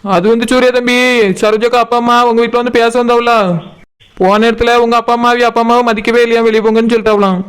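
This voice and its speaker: A man's voice: very high voice, little pitch movement, fast, clear, resonant tone. A man voicing a caring, talkative village woman in a cartoon, coaxing and explaining at length. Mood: worried.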